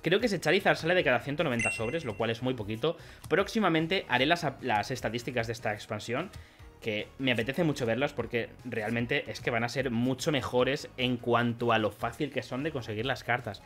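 Faint music sits behind a young man from Spain as he opens trading card packs for his channel. His mid-range voice moves a little fast and carries a Spanish accent, and this card collecting YouTuber rambles chattily, breaking into laughter and excited yelling.

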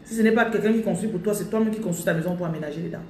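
A woman's voice: medium pitch, rapid-fire, mellow, a little hiss or hum. A woman giving a live spiritual coaching talk, declaring affirmations over her audience with emphasis and repeating her phrases. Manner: repeats phrases and slips into English. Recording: roomy echo, distant mic.

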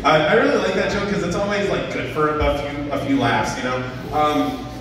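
At an open mic in a small venue with a stage and audience, a stand-up comedian in his thirties rambles into a handheld mic with lots of fillers and self-deprecation. His voice is a little high with lively intonation at normal speed, captured by a far camera in an echoey, noisy room.

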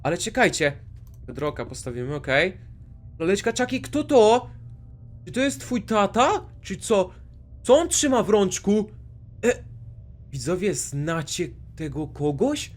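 A man hosting a game video, talking to his viewers with excitable, jumpy outbursts. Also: high-pitched, unhurried, pauses often, faint music behind. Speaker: gaming video host. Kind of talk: Minecraft let's play commentary.

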